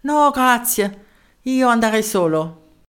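An eccentric male inventor from abroad, put on by a woman reading a storybook. He talks slowly in broken, simplified Italian, his voice lifted well above the reader's own. The lines rise and fall with lively pitch. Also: smooth. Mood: polite, eager. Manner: broken Italian, halting and slow.

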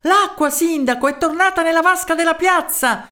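A woman voicing excited male villagers who shout breathlessly after running in a storybook. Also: extremely high pitch, normal speed, pitched above the performer's own voice.

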